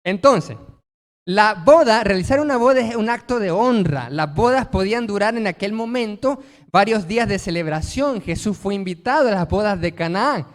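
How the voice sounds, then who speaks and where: A pastor delivers a sermon to his congregation. His voice sits high for a man, and he leans hard on key words. He keeps asking the room questions and answering them himself. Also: expressive, normal speed, long reverb tail. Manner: emphatic, asks rhetorical questions and answers them.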